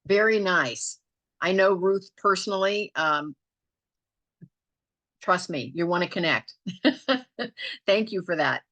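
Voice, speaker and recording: Bright-voiced woman hosting a call. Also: lowish voice, slow, pauses often. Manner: friendly, encouraging, laughs easily. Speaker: online meeting host. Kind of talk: hosting a group video call. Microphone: video call.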